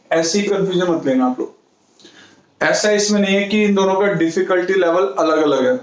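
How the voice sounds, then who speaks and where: A man teaches a class with a fairly high voice, mixing terms into his explanation. He lays out each point patiently and repeats the important ones. The sound carries a clear room echo. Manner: explains step by step, repeats key points, calls students "beta". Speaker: maths teacher. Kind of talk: classroom lecture. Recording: echoey room.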